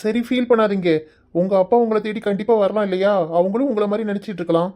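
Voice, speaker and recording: A woman's voice: mid-range voice, fairly even intonation, fast, mellow, lightly acted. A woman voicing a young male office boss in a cartoon, kind, coaxing and reassuring. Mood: consoling. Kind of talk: cartoon voice acting.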